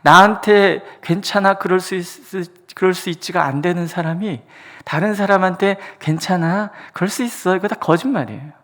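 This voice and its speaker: A pastor delivers a dawn prayer sermon in a mid-pitched voice. The delivery keeps swinging from loud, emphatic lines to hushed, whispered asides. The preacher acts out the voices of the people in the stories. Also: normal speed, few pauses.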